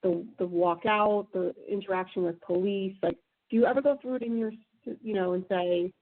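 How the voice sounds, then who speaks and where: A woman conducting a casual phone interview, rambling through halting questions on a narrow phone line. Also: medium pitch.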